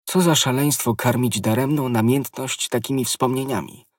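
A man voicing a proud young queen in an audiobook reading, earnest and guarded, with a slightly husky tone. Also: medium pitch, steady tone, dry recording, clean studio sound, pitched above the performer's own voice, lightly acted. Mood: stern. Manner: earnest pleading, quickening when urgent.

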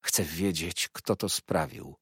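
Here is a man reading as a grief-stricken old fisherman whose voice is hollow and dull with shock before it hardens into fierce resolve. The voice sits very low with a husky grain. The recording is close and dry. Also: slow pace, a bit bright, no echo, full character voice. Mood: stunned. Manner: hollow, dull delivery turning vehement. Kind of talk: audiobook character reading.

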